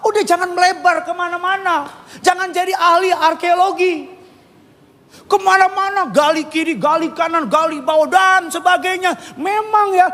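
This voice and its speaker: Guy pastor preaching, lively and jokey, high voice, big church reverb. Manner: animated, jokey preaching with put-on voices and regional slang. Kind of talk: sermon. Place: church hall.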